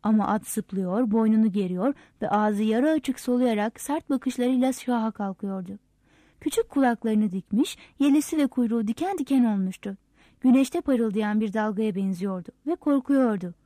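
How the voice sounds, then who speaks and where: A woman reads a novel aloud as the narrator, in a steady, measured way. Her voice sits fairly high but has a mellow, soft tone. The sound is close and dry. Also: dry recording. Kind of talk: audiobook narration.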